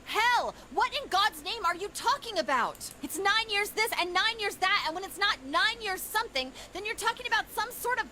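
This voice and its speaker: A woman's voice: very high-pitched, expressive, normal speed, hardly any pauses, sharp tone, a little hiss or hum, voice pushed up, exaggerated voice. A woman voicing an irritated adult woman who curses in exasperation. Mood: exasperated. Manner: exasperated, cursing.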